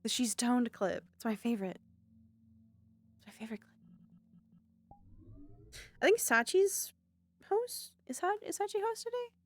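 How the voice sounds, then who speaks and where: A woman's voice: on the high side, big pitch swings, measured pace, pauses often. A woman with a Southern accent, chatting casually and playfully, giggling often. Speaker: streamer. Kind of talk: casual out-of-character chat.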